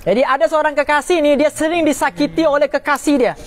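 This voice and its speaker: A man's voice: very high-pitched, fairly even intonation, fast, slight background noise. A man teaching a religious class, often checking in with his listeners and drawing out key words for emphasis.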